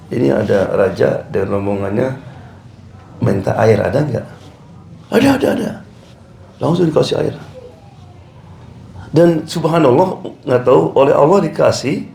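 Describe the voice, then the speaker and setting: A man's voice: medium pitch, lively intonation, moderate pace, creaky, mellow. A man, an imam, preaching a sermon, telling stories and acting out the people in them, switching between Indonesian and English. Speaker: imam giving a religious talk. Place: community hall. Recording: echoey room with faint background noise.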